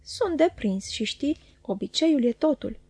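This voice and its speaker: Woman doing a jovial greedy inn waiter, chatty and coaxing, a bit high, mellow tone. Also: expressive, dry recording.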